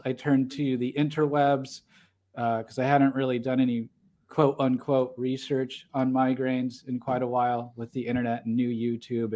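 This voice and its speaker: An adult man co-hosting a casual livestream. His voice sits at an ordinary middle pitch. He rambles through his explanation, restarting sentences and leaning on fillers. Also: a little mellow. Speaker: podcast co-host.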